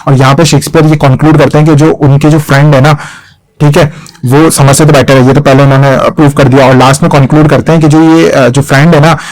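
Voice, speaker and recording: Slightly high with little pitch movement, this young man speaks fast in a darkish tone, captured on a rough recording. He teaches an exam-prep lesson with a slightly raised voice, patiently and repetitively asking questions about key points and supplying the answers himself.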